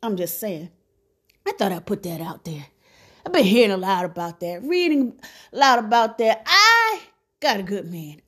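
A woman talking straight to her viewers in a blunt, sassy rant full of slang. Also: on the high side. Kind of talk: casual monologue to viewers.

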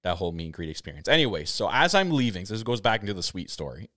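A young man tells a story on a podcast with a lowish voice and an eager, tumbling delivery. He laughs often and restarts his sentences. The sound is close and dry. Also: very animated, fast, sharp tone, dry recording. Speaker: podcast co-host. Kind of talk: casual chat.

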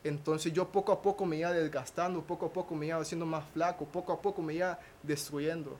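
A young man gives a halting personal testimony as a podcast guest, full of restarts and phrases that end in a questioning tag. His voice is on the high side and darkish, with fairly even intonation and slight background noise.

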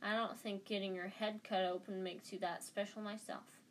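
A woman voicing a scathing, smug schoolboy bully in a storybook, with sneering, drawn-out mockery. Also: mid-range voice, little pitch movement, slight background noise, close to an everyday voice. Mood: contemptuous.

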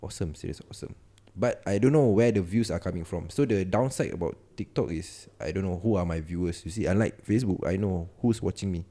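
A man's voice: deep voice, fast talker, dark tone. A man with a Singaporean accent co-hosting a podcast in casual banter, using colloquial Singlish slang and Malay words. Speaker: podcast co-host.

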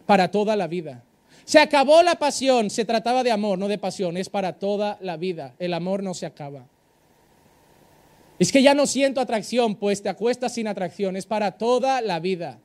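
A man with a Spain Spanish accent preaches a sermon as a pastor. His voice sits unusually high for a man, and he delivers it animatedly, acting out the people he quotes. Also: fairly quick.

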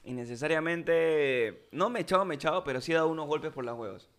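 A man with a Peruvian accent, recounting a school story in relaxed, slangy casual chat. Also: fairly high pitch, fast talker. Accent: Peruvian Spanish.

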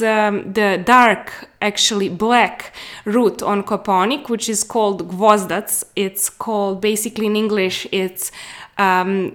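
A woman talking through a personal story in a conversational way, with frequent fillers and pauses, and ending on an earnest motivational note as a podcast host offering business advice. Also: mid-range voice.

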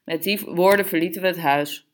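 A woman narrating a literary story in a calm, measured way. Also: fairly low pitch. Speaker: audiobook reader.

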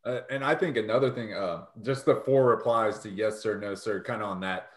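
A man co-hosting a podcast conversation about coaching, speaking in a relaxed, slightly hesitant way. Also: lowish voice, brisk, reverberant.

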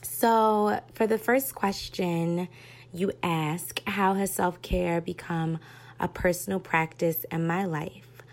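An American woman in her thirties records a heartfelt voice note as a podcast listener, reflecting on her own healing. Her voice is fairly low and evenly intoned, and she takes it slowly.

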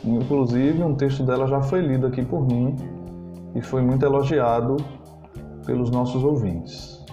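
A man hosting a podcast and reading a literary story aloud in a slow, measured way, in a roomy, slightly dull recording. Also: medium pitch, steady tone, music in the background. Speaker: podcast host and reader.

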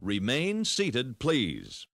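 Man giving a slow train door announcement. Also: mid-range voice, huge pitch swings, dry recording, studio quality, soft background music. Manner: slow, measured, formal delivery. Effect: recorded train door announcement over a loudspeaker. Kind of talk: bilingual transit announcement.

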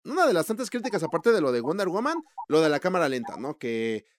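A young man with a Mexican Spanish accent co-hosting a casual movie chat, slangy and animated, acting out quoted reactions. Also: a little high, fast talker, no room sound, studio quality. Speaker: podcast co-host.

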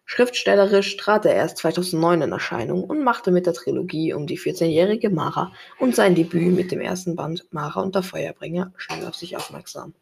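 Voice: mid-range voice, animated, fairly quick, gravelly, few pauses, darkish tone, slight background noise. A reader presenting a book and its author, reading aloud plainly with occasional slips.

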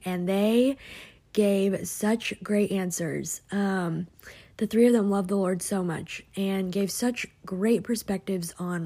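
A woman's voice: mid-range voice, gravelly, darkish tone, breathy edge. A young adult woman hosting a podcast, talking in an upbeat, chatty way with frequent fillers. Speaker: podcast host. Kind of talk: casual podcast chat.

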